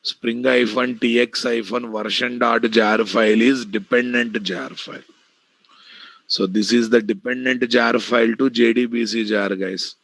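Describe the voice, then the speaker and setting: A man's voice: medium pitch, steady tone, unhurried, fairly bright tone, no room sound, low-quality recording. A man with an Indian Telugu accent teaching a live online programming class, bluntly addressing students and repeating key phrases. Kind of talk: live online technical lecture.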